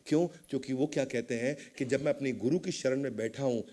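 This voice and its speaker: A man's voice: medium pitch, brisk, dark tone. A man giving a motivational talk who tells stories dramatically and acts out the voices of the people in them. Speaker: motivational speaker.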